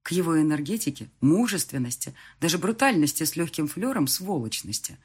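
A woman narrating a first-person audiobook in an expressive, animated way. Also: sits low, brisk, slightly rough.

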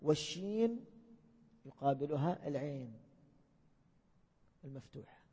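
A man's voice: on the high side, animated, measured pace, dark tone, breathy edge. A man teaching a classroom lesson, questioning his students and repeating key points. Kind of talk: classroom lesson on Arabic morphology. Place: lecture hall. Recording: dull lo-fi recording with long hall reverb.

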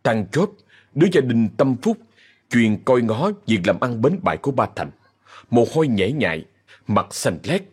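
A man narrating a scripted horror story in slow, ominous storytelling. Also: medium pitch, very animated, husky. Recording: narration over faint music.

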